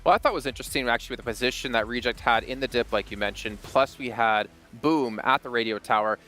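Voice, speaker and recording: A man on an esports analyst desk, telling stories in an animated way in a broadcast studio. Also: medium pitch, fast, soft background music. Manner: animated storytelling, acts out reactions.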